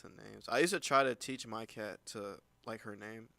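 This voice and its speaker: A man's voice: on the low side, moderate pace, vocal fry, sharp tone, dry recording. A young man co-hosting a casual podcast chat, rambling with lots of "like" fillers and frequent laughs. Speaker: podcast co-host.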